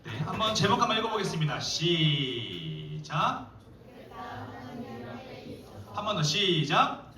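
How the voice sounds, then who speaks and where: A man's voice: fairly high pitch, very animated, slow pace, long pauses, a crowd in the background. A young man, a youth pastor, preaching a playful, joking sermon to teenagers in a church hall. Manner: playful, joking, addresses teens directly. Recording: echoey hall, mic far off.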